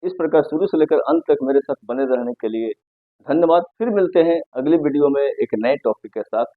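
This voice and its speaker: A man's voice: on the high side, lively intonation, fairly quick, no room sound, narrow, tinny audio. A man teaching an English pronunciation lesson, spelling words letter by letter and asking questions that he answers himself. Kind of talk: Hindi-language pronunciation lesson.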